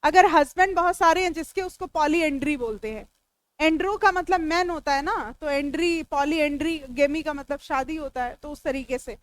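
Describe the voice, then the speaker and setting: A woman's voice: high-pitched, normal speed. A woman teacher with an Indian English accent, giving a classroom lecture that breaks each word into its parts and answers students as she goes. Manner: explains word meanings step by step, talks back to students.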